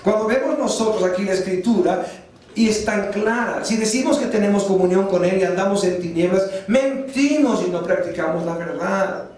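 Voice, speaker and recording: A man preaching a sermon as pastor, lively, asking the congregation questions and acting out little scenes. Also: high voice, moderate pace. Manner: lively preaching with acted-out voices and rhetorical questions. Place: church. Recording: echoey church hall, distant mic.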